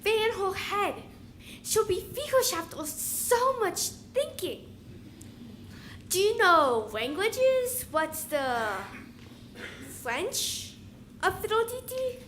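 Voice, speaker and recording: A woman's voice: extremely high pitch, very animated, slow pace, long pauses, fairly bright tone, a little hiss or hum, heavily acted. A woman playing a scatterbrained, haughty fairytale queen in a children's play, fussy and imperious as she questions. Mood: quizzing.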